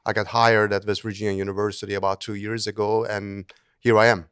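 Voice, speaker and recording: A middle-aged man talks earnestly as an interview guest, often backing up to restart a phrase. His voice sits fairly low and sounds smooth and resonant. The recording is close and dry, with no room sound. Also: level tone, brisk, a bit bright, no room sound. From Turkey. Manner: earnest, with frequent restarts and repeated words. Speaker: guest, engineering professor. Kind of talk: conversational interview.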